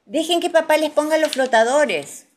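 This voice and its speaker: An Argentine woman voicing a kind, patient mother pig in a children's storybook, gentle and coaxing. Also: on the high side, very animated, brisk, slightly rough, voice pushed up.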